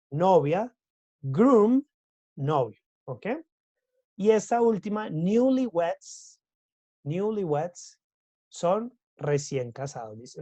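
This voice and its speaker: A Colombian man teaches English in a recorded class explanation, switching between Spanish and English and checking in with repeated "listo?" His voice is on the high side yet dark in tone, and the sound is dry with no echo.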